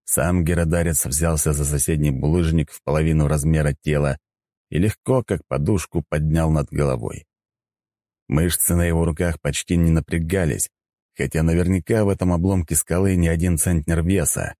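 A man reading a first-person audiobook in a steady storytelling manner. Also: rumbling low, moderate pace, no echo, studio quality. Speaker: audiobook narrator.

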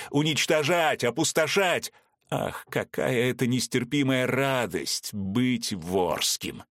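A man voicing a cruel, vengeful male villain in an audiobook, gloating and ranting between low menace and shouting. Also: dry recording, clean studio sound, full character voice. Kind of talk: audiobook character reading.

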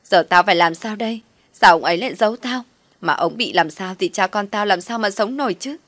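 A woman voicing a blunt, loud young woman friend in a storybook, talking in slangy, sharp bursts. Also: fairly low pitch, flat delivery, no room sound, lightly acted. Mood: tearful. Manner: loud, slangy and quick to shout.

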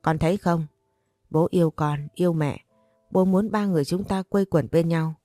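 A bitter, estranged father spits out accusations to his daughter in a low, mellow tone, with a woman reading his lines. The sound is close and dry. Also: moderate pace, no room sound, soft background music, close to an everyday voice.

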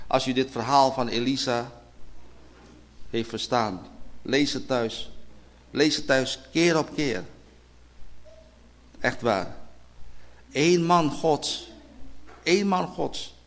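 A man with a Dutch accent preaching a sermon, addressing brothers and sisters, repeating key phrases and swinging between loud declarations and quiet, low passages. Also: slow, long pauses.

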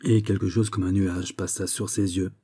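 Brief: male audiobook narrator, measured literary read, very dark and mellow tone, husky edge. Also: low-pitched, flat delivery. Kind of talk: scripted narration of a classic novel.

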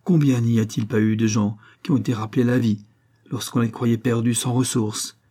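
A man's voice: medium pitch, mellow, husky. A man reading a storybook and voicing a grief-stricken woman of about fifty, pleading in an anguished, strained voice.

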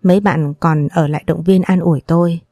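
A woman narrating a first-person audiobook story in a steady, sorrowful reading voice. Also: on the low side, brisk, no echo, studio quality.

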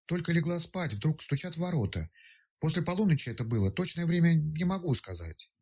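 A grumbling village woman dragged out of bed in the middle of the night, as a male storyteller puts her on, sleepy and cross but eager to talk. Her voice sits well above his own, lively in its rise and fall, with a husky edge. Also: low-pitched, a little fast, pitched above the performer's own voice, full character voice. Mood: sleepy chatty. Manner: grumbling, then frightened and chatty.

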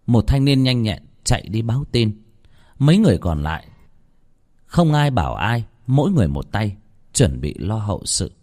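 A man narrating a horror story with dramatic, expressive delivery. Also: fairly low pitch, normal speed.

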